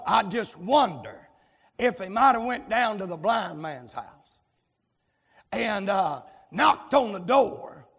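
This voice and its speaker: A Southern US pastor preaching a sermon in a folksy, fiery way, from quiet storytelling to shouting. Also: male voice, high voice, gravelly, breathy edge. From South Carolina, US. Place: large church sanctuary. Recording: long church hall reverb.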